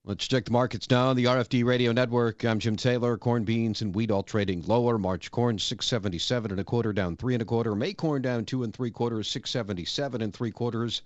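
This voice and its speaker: A man's voice: medium pitch, fairly even intonation, fast, few pauses. A man with an American accent hosting a radio farm news and market report. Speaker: radio host. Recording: dull lo-fi radio audio.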